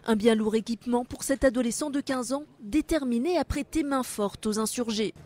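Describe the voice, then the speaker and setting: Woman reporter, calm voice-over. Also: fairly high pitch, normal speed. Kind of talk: scripted news voice-over.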